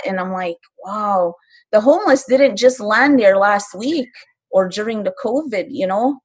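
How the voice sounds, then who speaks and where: An older woman from Kahnawake, a grandmother, speaking as an interview guest, earnest and halting when moved, with wry little laughs. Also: mid-range voice. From Kahnawake, Quebec. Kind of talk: emotional personal testimony. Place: live stream.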